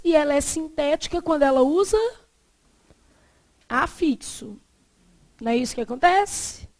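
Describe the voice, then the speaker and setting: A woman's voice: high-pitched, darkish tone. A middle-aged Brazilian woman teaching a Portuguese grammar lesson, chatty and asking the class rhetorical questions.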